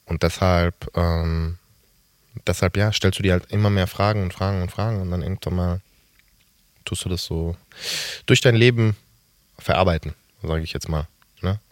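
A man's voice: sits low, normal speed, pauses often, dry recording. A man in his thirties, a guest in a casual podcast conversation, talking candidly and rambling with self-mocking asides. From Germany.

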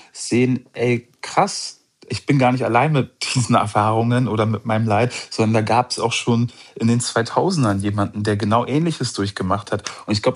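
A man's voice: lowish voice, slightly rough. A man, an author and journalist, answering interview questions in a reflective, searching way with casual slang. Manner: reflective, searching, casual fillers like "halt" and "ey krass". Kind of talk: conversational interview.

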